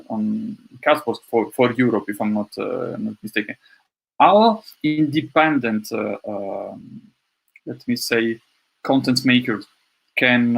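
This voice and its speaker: Man, gravelly mid-pitched voice, podcast host, rephrases questions. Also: fairly bright tone, rough recording. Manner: hesitant, rephrasing his questions. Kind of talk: interview questions.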